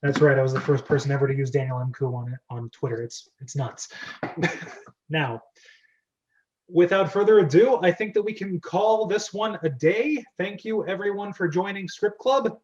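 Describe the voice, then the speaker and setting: In dull, lo-fi call audio, a man with a high-sitting, darkish voice talks at a normal pace. He's the host of a script-reading club, leading a casual group video chat with chatty, rambling enthusiasm.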